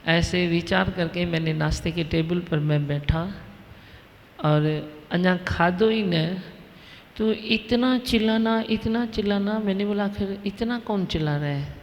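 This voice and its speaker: A woman speaks slowly and leisurely, a spiritual teacher spinning a devotional story. Her voice is gravelly and a little low. It rings with the long reverb of a big hall. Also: a little hiss or hum. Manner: unhurried, vivid storytelling with quoted asides. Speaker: spiritual teacher leading a satsang. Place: large hall with an audience.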